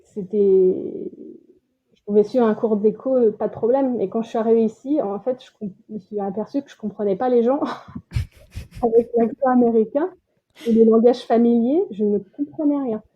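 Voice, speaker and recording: A French woman in her late thirties chats as a podcast guest over a tinny, phone-like line. Her voice sits fairly high and sounds a little husky. She talks loosely, with plenty of fillers and restarts. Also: moderate pace. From France. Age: 30s. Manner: chatty, many fillers and restarts, laughs easily. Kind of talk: casual interview chat.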